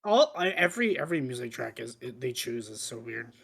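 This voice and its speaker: A man's voice: medium pitch, sing-song, fairly quick, creaky, a bit bright, slightly rough. A tipsy man co-hosting a casual movie podcast, rambling and repeating himself with the odd swear word. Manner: tipsy, from drinking on the show. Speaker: podcast host. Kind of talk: casual movie review banter.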